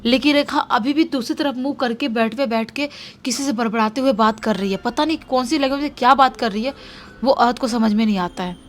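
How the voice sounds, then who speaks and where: A woman's voice: fairly high pitch, fairly quick, slight background noise. A woman narrating a horror story in a casual, conversational way, repeating lines for emphasis.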